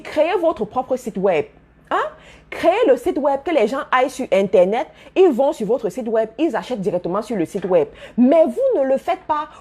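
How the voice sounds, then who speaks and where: An emphatic woman coach speaks straight to her listeners and drives home her points by repeating them. Her voice sits fairly high, with a slightly husky grain. Her pitch rises and falls in lively swings. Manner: emphatic, repeats key phrases, addresses listeners directly. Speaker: business coach. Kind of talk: motivational talk to followers.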